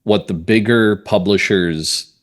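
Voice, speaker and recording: Speaking slowly in a lowish voice, a middle-aged mystery playwright and script consultant talks at length as an interview guest. The exchange is conversational, with him doing the explaining.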